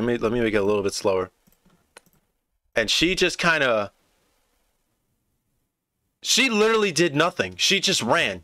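A man streaming a rugby match, chatting casually and excitedly to his viewers as he reacts to the play. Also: medium pitch, no room sound, studio quality. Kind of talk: casual live reaction commentary.

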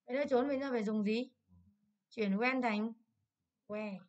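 A woman English teacher with a Vietnamese accent, going through an exam in a brisk review lesson and asking many checking questions. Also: on the high side, dull audio.

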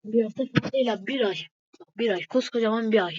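A woman with a fairly high voice chats through her gameplay, turning to her viewers every few words. The sound is dull and lo-fi, close and dry with no room around it. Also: quick pace, darkish tone, husky, no echo. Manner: chatty, keeps addressing viewers as friends. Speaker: gaming video maker. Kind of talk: casual gameplay commentary.

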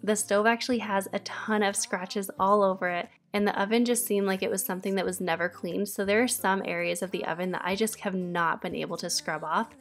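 A woman's voice: mid-range voice, fairly even intonation, a little fast, hardly any pauses. A woman, chatting casually in voice-over about cleaning her home and asking viewers for advice. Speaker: cleaning vlogger. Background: faint background music.

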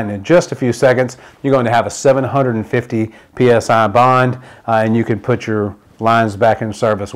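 Middle-aged man demonstrating a product. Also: mid-range voice. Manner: plain step-by-step explaining with frequent fillers. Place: indoor demo table in a studio-like room.

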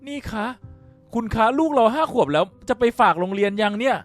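A man's voice: sits high, expressive, brisk, soft background music, voice pushed up. A man voicing a young housebound mother who pleads with her husband, reading her game lines aloud. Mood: pleading.

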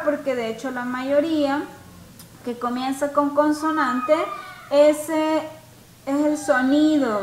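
A woman teacher with a high voice talks her class through grammar at an unhurried pace, stopping again and again to ask if they understand. She stretches out example words and repeats them slowly so her students can hear. Her voice carries a roomy echo over a faint hum. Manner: patient, checks understanding often. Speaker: English teacher.

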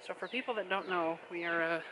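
A man's voice: high voice, fast talker. Young American man, noisy outdoor vlog. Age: early twenties. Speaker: vlogger. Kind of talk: casual vlog chat. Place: outdoors on wooded trail and open prairie. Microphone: camera at arm's length or slightly behind. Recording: noisy outdoor handheld camera audio.

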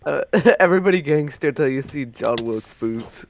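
A young man in casual gaming voice chat, throwing out deadpan random jokes. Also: fairly high pitch, normal speed, vocal fry, slight background noise. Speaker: gamer.

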